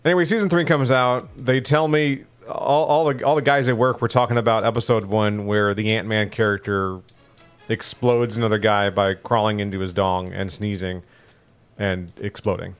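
A man's voice: lowish voice, steady tone, normal speed, clean tone. A man co-hosting a podcast, chatting casually and joking while coaching his friend through a video game. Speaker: podcast co-host. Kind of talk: casual gaming chat.

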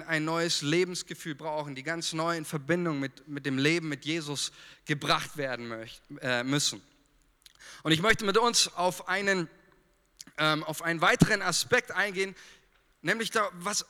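Franconian guy preaching, chatty with the congregation, bright voice, echoey church hall. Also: a little high. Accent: Franconian German. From Franconia, Germany. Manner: lively, addresses congregation directly with fillers and humor. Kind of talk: sermon.

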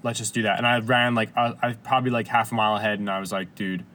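A man telling a long story in casual chat, animated and full of swearing and laughter. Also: on the low side, quick pace.

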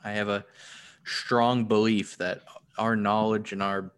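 A man with a fairly low voice hosts a casual podcast. He banters dryly and plays jokes straight and mock-earnest. His talk is loose and conversational. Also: little pitch movement, unhurried, clean tone. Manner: dry, mock-earnest joking. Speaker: podcast host.

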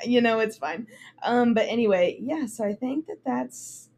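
A young woman hosting a casual podcast chat, upbeat and quick to laugh. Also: on the high side, a little mellow. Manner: chatty, laughs often, upbeat. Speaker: podcast host.

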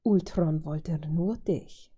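A woman's voice: lowish voice, takes it slowly, dark tone, breathy edge. A woman reading the lines of a scornful young woman with powers in a German fan-fiction story.

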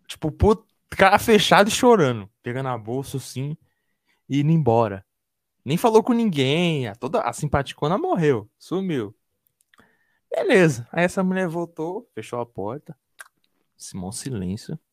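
A man's voice: a little high, normal speed, no echo, clean studio sound. A young man from Brazil telling a story in a casual chat, slangy and swearing, acting out what other people said. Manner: animated storytelling, slangy and profane, acts out others' lines.

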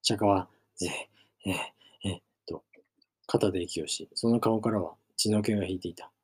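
A man reading a novel aloud as narrator, in measured storytelling. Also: lowish voice, a little mellow, breathy edge. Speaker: reader.

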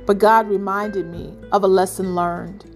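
A woman hosting a reflective devotional talk, speaking gently and measuredly with pauses. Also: medium pitch, steady tone, faint music behind. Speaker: podcast host.

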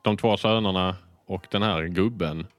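Low guy gm narrating, lots of ehm, dry mic. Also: no room sound, soft background music. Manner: relaxed, hesitant narration with fillers. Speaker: game master. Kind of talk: narrating a tabletop game.

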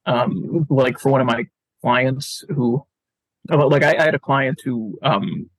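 On a video call with poor, dry audio, a man with a husky, medium-pitched voice guests on a podcast. He talks slowly and casually in an interview style, stammering and often repeating words.

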